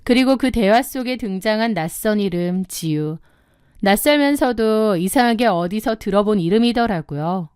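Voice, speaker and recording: A woman in her thirties telling a first-person story in a measured, indignant way. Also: mid-range voice, animated, darkish tone, clear, resonant tone, no room sound, clean studio sound. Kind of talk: scripted first-person narration.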